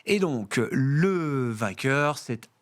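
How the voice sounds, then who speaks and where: A man hosting a studio interview show, briskly introducing categories and putting questions to his guest. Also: medium pitch, expressive. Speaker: host.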